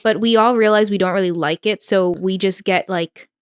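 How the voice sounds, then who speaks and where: Young woman podcast co-host, casual and chatty, smooth clear tone, dry close mic. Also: medium pitch, fairly even intonation, normal speed, dry recording. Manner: chatty, lots of "like" and "um" fillers. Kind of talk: casual chat.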